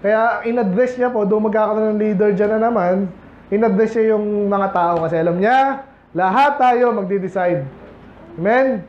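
A man's voice: sits high, moderate pace. A Filipino man preaching a sermon as pastor, talking conversationally to the congregation and rising to emphatic points. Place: church. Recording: echoey church room, dull lo-fi sound.

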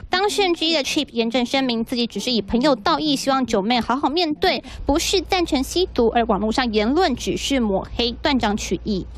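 High-pitched Taiwanese Mandarin woman reporter. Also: brisk, few pauses. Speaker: news reporter. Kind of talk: scripted news narration.

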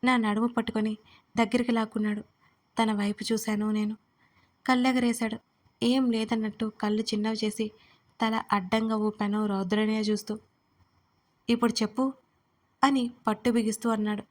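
A woman's voice: on the high side, level tone, normal speed. A woman narrating a first-person audio story in a playful, dramatic manner.

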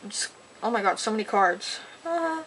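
A teenage girl chatting casually while opening trading card packs, talking fast and rambling excitedly. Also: medium pitch, a little hiss or hum, rough recording. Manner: gushing, excitable. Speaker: card collector vlogger. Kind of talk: casual unboxing chat.

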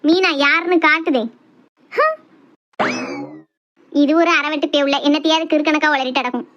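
A woman's voice: high voice, normal speed, fairly bright tone, dull audio, a little hiss or hum, voice pushed down. A woman with a Kanyakumari Tamil accent voicing a bossy, scheming older mother-in-law who grumbles and scolds in a family comedy skit. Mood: grumbling.

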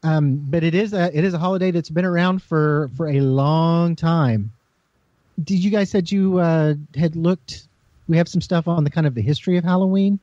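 A man's voice: a little high, normal speed, mellow, dry recording. A man co-hosting a casual group podcast, rambling and restarting his phrases as he talks. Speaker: podcast co-host. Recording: slightly dull, dry podcast audio.

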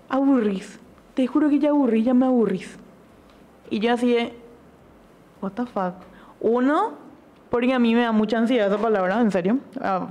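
Animated young woman telling gossip. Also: fairly high pitch. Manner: animated storytelling with frequent fillers. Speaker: streamer. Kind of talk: casual gossip chat. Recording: faint background noise.

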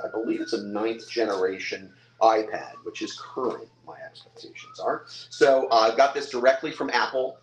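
A man's voice: fairly low pitch, a little hiss or hum. An older man running a live-stream auction, describing each item in a chatty salesman patter and calling out bids. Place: hotel room or lounge, indoors. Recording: echoey room.

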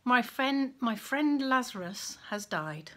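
Woman reading as calm sorrowful Jesus, slow solemn delivery, bright voice, children's storybook. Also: on the high side, heavily acted.

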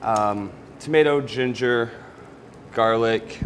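A man's voice: mid-range voice, slow pace, slight background noise. A man in his forties, a guest chef on a TV studio kitchen set, talking in an easygoing way and often repeating words as he cooks. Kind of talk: live TV cooking demo.

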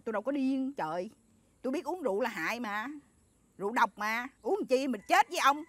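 Comedy sketch: a Southern Vietnamese woman as a bright-voiced, scolding wife. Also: on the high side, expressive, a little fast, dry recording. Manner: scolding, sharp-tongued. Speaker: comic actress playing a wife.

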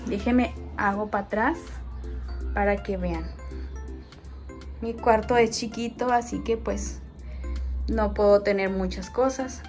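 A woman chatting to viewers as she films a tour of her small home on a phone. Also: medium pitch. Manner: chatty, addresses viewers as friends, walking while filming. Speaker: vlogger. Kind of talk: casual house tour vlog. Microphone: phone held in hand.

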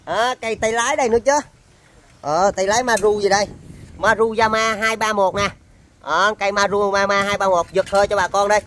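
A man's voice: high-pitched, steady tone, fairly quick, a bit bright. A man with a Southern Vietnamese accent giving an informal sales demonstration of used machinery, in chatty, repetitive patter.

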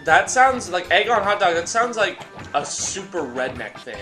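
A man's voice: high voice, sing-song, moderate pace, pushed and bright, faint music behind. A young man giving casual, joking commentary while playing a video game, teasing his co-host. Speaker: let's play co-host.

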